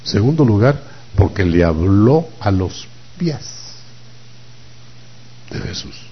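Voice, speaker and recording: Husky low-voiced man preaching a sermon. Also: sing-song, slow pace. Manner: dramatic, acts out quoted voices, swings from loud to whispered. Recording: dull lo-fi recording.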